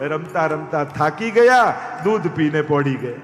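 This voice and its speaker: A man preaching a devotional story sermon as a katha narrator, animated and acting out each character. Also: on the high side, unhurried. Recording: echoey hall with faint music.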